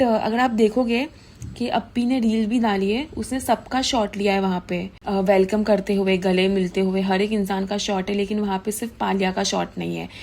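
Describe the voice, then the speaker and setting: A woman's voice: mid-range voice, darkish tone. A young woman giving casual, indignant gossip commentary, switching freely into English. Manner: chatty, mixes English into Hindi, indignant gossip. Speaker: commentary vlogger.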